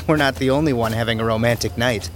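An actor playing an eager, affectionate grown son, a little flustered. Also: male voice, medium pitch, slight background noise, close to an everyday voice. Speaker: son and husband.

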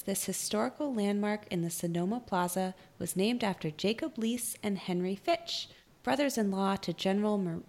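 A woman's voice: mid-range voice, a little mellow. A woman co-hosting a podcast, chatting casually in a playful, teasing way. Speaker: podcast co-host. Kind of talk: casual chat.

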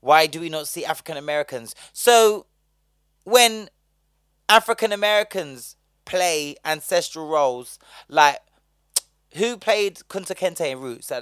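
A man's voice: high voice, a bit bright, dry recording, clean studio sound. A man hosting a podcast, talking in a casual, heated and profane monologue. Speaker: podcast host.

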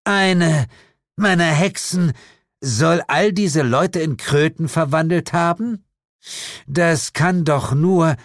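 A man's voice: high-pitched, a little slow, dry recording, clean studio sound, pitched above the performer's own voice. A man voicing a haughty female demon queen, imperious and theatrical, in an audiobook.

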